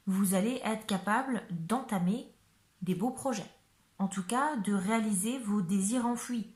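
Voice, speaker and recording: A woman's voice: mid-range voice, darkish tone. Chatty woman reading tarot, echoey room. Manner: chatty, hesitant, many fillers, checks in with viewers. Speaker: tarot card reader. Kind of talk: casual tarot reading to camera.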